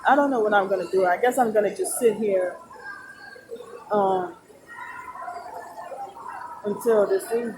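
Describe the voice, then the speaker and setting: A woman's voice: mid-range voice, measured pace, long pauses. Sleep-deprived woman rambling in a noisy mall. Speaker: vlogger. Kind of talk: rambling personal vlog. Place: loud indoor shopping mall. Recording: noisy mall ambience behind voice. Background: loud talking and mall noise.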